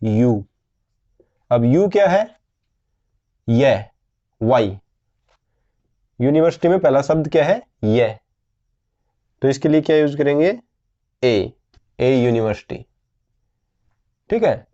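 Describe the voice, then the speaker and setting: A man teaching a grammar lesson, explaining slowly and patiently and asking his students questions as he goes. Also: on the high side, sing-song, mellow, highs cut off.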